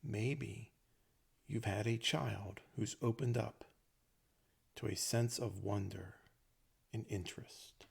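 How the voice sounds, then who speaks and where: Guiding a meditation, this man speaks low and steady, using brief, gentle phrases. There's a husky, creaky texture to his voice, and he pauses at length between ideas as a meditation teacher would.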